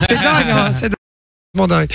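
Brief: high-voiced, gravelly man, evening radio host, joking studio banter. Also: bright, forceful tone, no room sound. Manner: joking, running a game. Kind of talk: casual radio chat.

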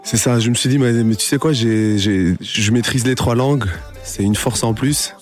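A young man, a guest on a radio show, talking casually and relaxed, with many fillers and restarts. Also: medium pitch, moderate pace, soft background music. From Italy. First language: Italian. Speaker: guest artist. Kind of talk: casual interview chat. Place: radio studio.

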